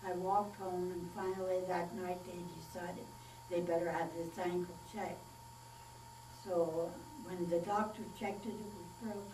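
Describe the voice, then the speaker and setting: A woman in her nineties, recalling her childhood in a slow, plainspoken oral history interview. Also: on the low side, level tone. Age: 90s. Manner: unhurried, plainspoken storytelling with pauses and fillers. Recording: echoey room, distant mic, faint mains hum.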